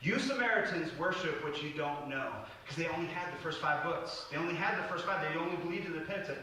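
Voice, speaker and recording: A man preaching a sermon as a pastor, telling the story in a conversational, animated way with frequent asides to the congregation. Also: fairly high pitch, fast, a little hiss or hum. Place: church sanctuary. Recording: very echoey hall, mic at a distance.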